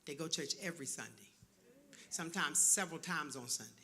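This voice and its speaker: Bright, teasing preacher-comedian in a roomy hall. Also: male voice, on the high side, quick pace. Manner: loud, teasing crowd work with call-and-response. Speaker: pastor and comedian. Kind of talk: stand-up comedy set. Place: church sanctuary before a live audience.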